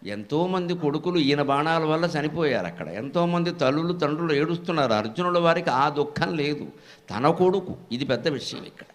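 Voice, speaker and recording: An older man giving a devotional discourse, telling stories with lively acted-out dialogue and bursting into slow, sung verse recitation. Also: on the high side. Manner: animated storytelling with acted-out dialogue. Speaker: Telugu discourse speaker.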